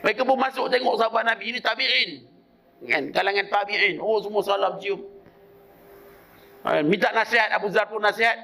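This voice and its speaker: A male preacher with a Malaysian Malay accent tells stories animatedly in a mosque sermon and often bursts into loud emphasis to address the congregation. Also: sits high, brisk, gravelly, pauses often. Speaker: religious preacher. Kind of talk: evening mosque sermon with storytelling.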